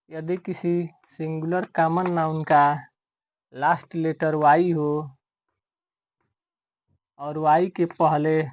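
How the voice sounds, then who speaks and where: A man teaching a grammar lesson, explaining rules slowly and repeating each step, calling his viewers dear friends. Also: on the high side, a little mellow, dry recording. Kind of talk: classroom-style grammar lesson.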